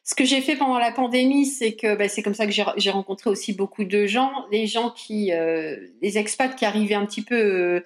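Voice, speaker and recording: A woman's voice: medium pitch, a little fast, hardly any pauses, reverberant. A French woman guest in a casual interview, talking with many hesitations and restarts. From France.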